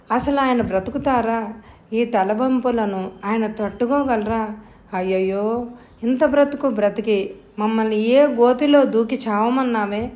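A woman's voice: a little high, darkish tone, lightly acted. A woman voicing a bitter, domineering middle-aged mother in an audio novel, scolding sharply and wailing laments.

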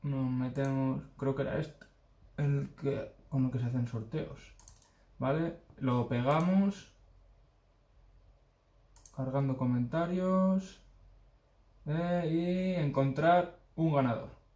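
Male vlogger, thirties, Peninsular Spanish accent, informal chat to camera, middle pitch. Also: steady tone, takes it slowly, long pauses, mellow. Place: room at home, indoors. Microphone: phone close to face.

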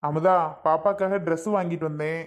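A woman's voice: deep voice, fairly even intonation, moderate pace, lightly acted. A woman voicing a caring adult man in a cartoon, an affectionate elder brother who coos over a baby. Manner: affectionate, coaxing baby talk. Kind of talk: cartoon voice acting.

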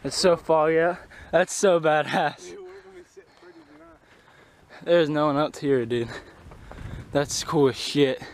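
The speaker is a young adult man with a fairly high, steady voice who talks slowly with long pauses. He's filming a casual, sweary, slangy camping vlog on a handheld camera at arm's length, outdoors on a windy mountain and partly inside a tent, with noisy wind in the audio.

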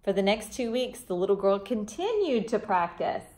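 At normal speed and a middle pitch, a woman in her thirties reads a picture book to young children in the front room of a house. She tells the story expressively and like a teacher, slipping in simple explanations as she goes.

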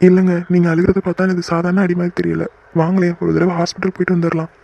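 Fast high-voiced man in a cartoon. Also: flat delivery, creaky, muffled recording. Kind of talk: cartoon voice acting, several young men.

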